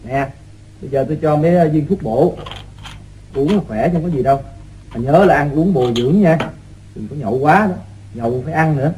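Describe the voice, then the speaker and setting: An actor playing a kindly, reassuring village doctor in an old-style radio drama, familiar and gently chiding, with a Southern Vietnamese accent. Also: male voice, fairly high pitch, brisk, long pauses, slight background noise, lightly acted, rough recording. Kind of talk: radio drama acting in the manner of an old radio show.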